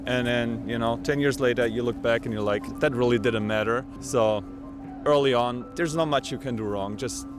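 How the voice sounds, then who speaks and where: Relaxed man in a street interview. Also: mid-range voice, moderate pace, music in the background. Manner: relaxed, reflective, many fillers. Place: outdoors in a city.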